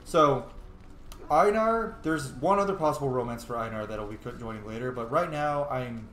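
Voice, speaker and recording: Thinking out loud as he plays, this male streamer offers loose, meandering commentary and voices the dialogue options in character. He speaks at a moderate pace, expressive and medium-pitched, with a fairly bright quality. Noise and room echo fill his home setup.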